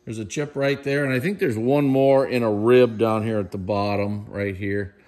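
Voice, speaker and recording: A middle-aged man with a lowish, darkish voice walks casually through auction lots in a large warehouse room, filmed on a handheld camera. He speaks at normal speed with fairly even intonation, chatty and enthusiastic as he praises each piece.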